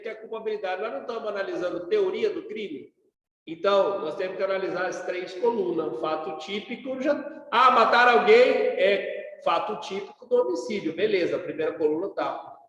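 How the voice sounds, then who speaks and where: A man with a Brazilian accent teaching a law class in a loose, chatty way, often checking in with the students through quick rhetorical questions. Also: sits high, a bit bright, dull audio. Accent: Brazilian Portuguese. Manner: colloquial, rhetorical questions and tags like "sacou?". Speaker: law professor. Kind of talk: informal classroom lecture. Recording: very echoey hall, long reverb.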